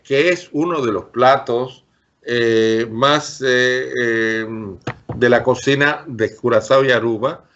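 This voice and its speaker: A man's voice: medium pitch, lo-fi sound. A man explains things didactically as an interview guest, like a professor listing terms and examples.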